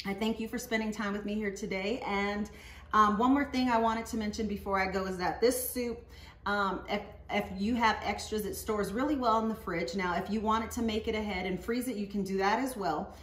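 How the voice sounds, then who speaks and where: A woman's voice: medium pitch, fairly even intonation, a little fast, fairly bright tone. A woman hosting a cooking show in her kitchen, talking through each step in an easygoing, chatty way with frequent fillers. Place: home kitchen. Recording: roomy echo, voice from a distance.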